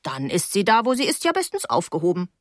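A brusque nanny who scolds and storms but cares fiercely, put on by a woman narrating an audiobook. Her voice swings lively through its pitch. The sound is dry and close. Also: quick pace, dry recording. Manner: blunt, scolding, dramatic outbursts. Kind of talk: audiobook reading.

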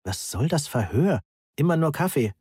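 A man's voice: a little high, very animated, normal speed, breathy edge, dry recording, studio quality, pitched above the performer's own voice, heavily acted. A man voicing a curt young woman student. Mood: evasive. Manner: curt and sharp-tongued. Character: blunt, irritated young female math student.

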